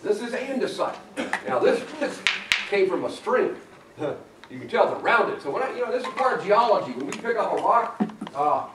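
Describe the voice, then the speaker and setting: High-voiced man lecturing in an echoey room. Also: distant mic, a little hiss or hum. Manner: animated, playful, talks to students. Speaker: geology lecturer. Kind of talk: university lecture.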